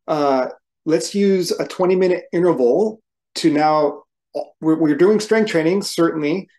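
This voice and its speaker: Speaking warmly at a fairly high pitch, a man in his forties explains things step by step as a podcast guest. He's a firefighter and coach calling in by video from a small room in his home, keeping the interview conversational but instructive.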